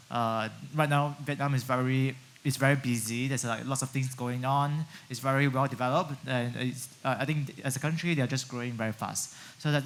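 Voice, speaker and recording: A man from Singapore speaking on a conference panel in a relaxed, conversational way. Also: mid-range voice. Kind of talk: panel discussion answers.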